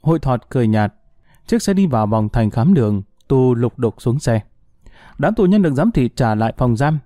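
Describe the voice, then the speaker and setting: A man's voice: very animated, moderate pace, mellow, no room sound, studio quality. A man narrating a story aloud and voicing the dialogue of its characters himself. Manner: voices shifting figures, rising pitch in pleading lines. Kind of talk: audiobook narration with acted dialogue.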